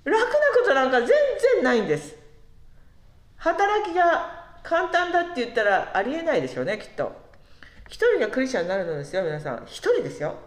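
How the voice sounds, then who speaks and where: A woman giving a conversational sermon who asks the congregation questions and slows down on key words. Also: sits high, sing-song, reverberant. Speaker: preacher.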